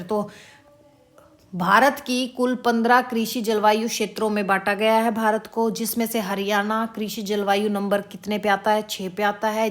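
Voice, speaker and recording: A woman teacher giving an exam-prep lesson, repeating each question slowly and drilling the answers for her students. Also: mid-range voice, a bit bright. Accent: Haryanvi-tinged Hindi. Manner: addresses students as beta.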